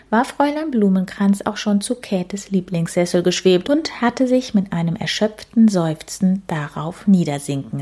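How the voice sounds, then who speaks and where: A woman narrates a children's storybook at a middle pitch. Her delivery is soft and expressive, and she sometimes sinks into a breathy, hushed tone. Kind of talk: storybook reading.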